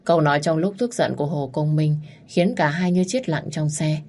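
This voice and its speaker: A woman narrating an audio story in a steady, matter-of-fact way. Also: low voice, normal speed.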